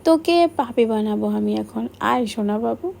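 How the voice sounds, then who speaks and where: A woman voicing a short-tempered young man in an audiobook, speaking in a gruff, clipped way. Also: fairly high pitch, lively intonation, moderate pace, darkish tone, a little hiss or hum. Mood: irritated.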